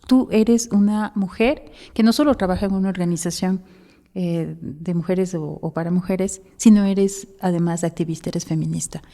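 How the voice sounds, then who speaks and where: A woman hosting a podcast interview, asking questions in a measured, attentive way. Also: on the low side, mellow.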